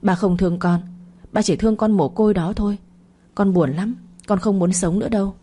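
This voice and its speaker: A woman's voice: mid-range voice, steady tone, brisk, warm tone, close to an everyday voice. A woman voicing a spiteful spoiled daughter. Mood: sobbing complaint. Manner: whiny and spiteful.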